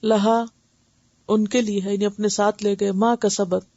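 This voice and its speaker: A woman teaching Quran recitation and tajweed, patiently explaining each point and demonstrating letter sounds slowly, often checking that listeners follow. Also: mid-range voice, flat delivery, mellow, dry recording. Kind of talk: tajweed lesson with translation. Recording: dull dry lo-fi recording.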